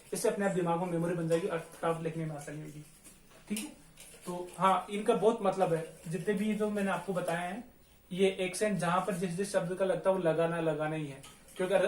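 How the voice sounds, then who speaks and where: A man from India teaching a Spanish lesson, who patiently repeats words slowly to drill pronunciation. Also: high-pitched. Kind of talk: online language lesson. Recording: echoey room, faint noise.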